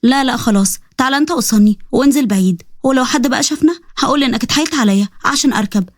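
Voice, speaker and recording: A woman voicing a sharp-tongued, feisty young woman with an Egyptian accent, firing off bossy, snappy retorts. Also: sits high, very fast, no echo, studio quality.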